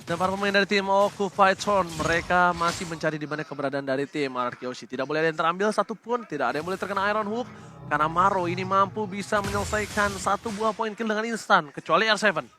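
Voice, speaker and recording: A man doing live play-by-play esports commentary as a caster, with an excitable delivery. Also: sits high, fast, background noise. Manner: excitable, builds to shouting at big plays.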